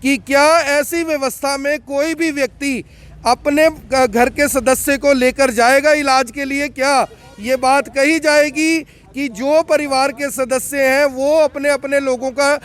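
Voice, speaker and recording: High-voiced man reporting outdoors. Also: steady tone, measured pace, fairly bright tone. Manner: leading questions, emphatic commentary. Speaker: field reporter. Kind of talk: on-the-spot news reporting. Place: outdoors at a cremation ground.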